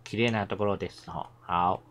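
A man teaches a relaxed Japanese lesson, talking in a low voice. He rambles, repeats his points, fills gaps with little sounds and coughs from time to time. Steady noise and keyboard clicks run under his voice. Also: fast talker. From Taiwan. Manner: chatty, repeats himself, many filler sounds. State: coughing now and then. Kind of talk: casual language lesson.

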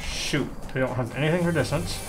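A man's voice: mid-range voice, fairly quick, loud music behind the voice. A man vlogging and commenting on his own gameplay in a casual, self-mocking way, reacting aloud as he plays. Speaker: YouTube creator.

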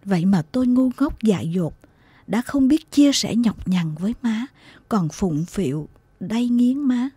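Mellow-voiced woman narrating a sad story. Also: a little high, lively intonation, slightly rough, dry recording. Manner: slow, tender storytelling with emotional acted quotes. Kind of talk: scripted audiobook narration.

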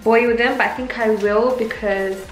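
A young woman talks viewers through a home cooking vlog with upbeat, rambling asides. Her voice sits a little high. The sound is roomy with kitchen echo and faint music underneath. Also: fairly even intonation, moderate pace. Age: young adult. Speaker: vlogger.

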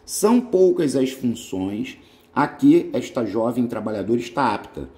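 A Brazilian man with a Brazilian Portuguese accent, walking through an exam-prep grammar quiz and often checking in with quick "né?" and "tá?" tags. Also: mid-range voice, very animated, mellow. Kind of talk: lively grammar quiz walkthrough.

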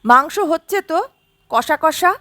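A man's voice: very high-pitched, animated, slow pace, bright, forceful tone, no echo, clean studio sound, exaggerated voice. A woman voicing a boisterous, bossy man who gives orders and teases his old friend, in an audiobook story. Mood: teasing. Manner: commanding, teasing.

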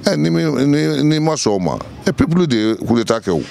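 Speaking into a handheld mic held by an interviewer in an outdoor courtyard, a middle-aged man from Mali gives his opinion in a street interview, emphatic yet full of hesitations. His Malian-accented voice is a little high, sing-song and brisk, with vocal fry and a darkish tone. Slight hiss or hum is audible.

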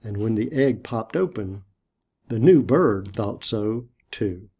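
Man, church storytime reader, gentle, deliberate, slow, mellow tone. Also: lowish voice, lively intonation, husky. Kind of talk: reading a picture book aloud, then a short lesson.

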